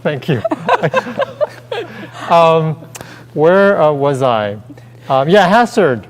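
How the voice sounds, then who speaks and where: A man's voice: a little high, sing-song, extremely slow, slight background noise. A man co-hosting a casual chat show, hesitant and full of fillers and restarts. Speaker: co-host. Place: theater stage. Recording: long reverb of a theater hall.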